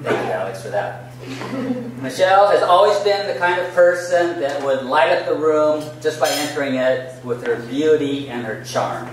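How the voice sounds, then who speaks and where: A middle-aged man giving a wedding toast as father of the bride, his voice a touch high and swinging up and down as he jokes and laughs at his own lines. He is heard from a distance in a very echoey hall, with steady noise behind him. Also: normal speed. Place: large indoor reception hall. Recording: echoey hall from far off, noisy.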